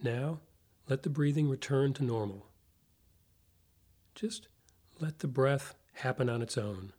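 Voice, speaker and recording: A man leading a guided breathing meditation in a measured, instructional way, leaving long pauses. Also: mid-range voice, darkish tone.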